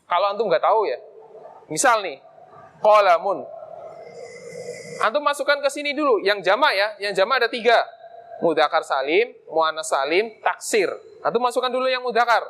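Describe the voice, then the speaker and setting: A man's voice: sits high, a bit bright, slight background noise. A man teaching an Arabic grammar lesson in a mosque, explaining casually and asking himself questions aloud as he goes.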